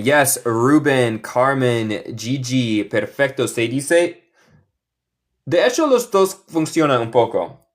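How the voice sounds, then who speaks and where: Male American teacher, live online class, slow careful delivery, switches between Spanish and English. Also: mid-range voice. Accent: American English speaking Spanish. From Michigan. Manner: slow deliberate drilling, mixing Spanish and English.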